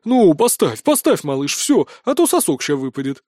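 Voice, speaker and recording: A man voicing a towering female mercenary warrior who booms threats and rough teasing. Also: very animated, normal speed, warm tone, no echo, studio quality.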